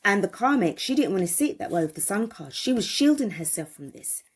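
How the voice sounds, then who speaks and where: A woman's voice: mid-range voice, big pitch swings, brisk, husky. A woman giving a tarot reading, talking emphatically, repeating phrases and asking viewers questions. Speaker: tarot reader.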